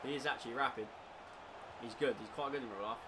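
A man's voice: mid-range voice, background noise. A young man streaming a football game, reacting to play and chatting to his viewers, easily frustrated. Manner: excitable, talks to chat, quick to frustration. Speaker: gaming streamer. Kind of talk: live gameplay commentary.

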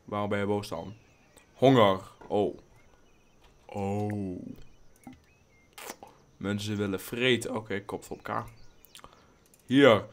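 A young man hosting a casual let's play, rambling and blunt, swearing freely, mixing in English phrases and breaking into sudden excited outbursts. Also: on the low side, slow pace, pauses often. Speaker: gaming channel host.

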